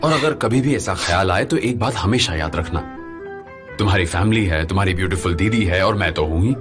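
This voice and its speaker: An actor playing a calm, kind young man in a dubbed TV drama, soothing and steady. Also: low voice, brisk, lightly acted. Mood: reassuring. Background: music score.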